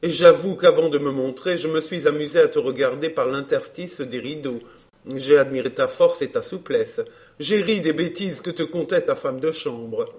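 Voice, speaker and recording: A man reading a glib, self-assured gentleman in an audiobook dialogue, smooth and bantering. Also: a little high, normal speed, close to an everyday voice.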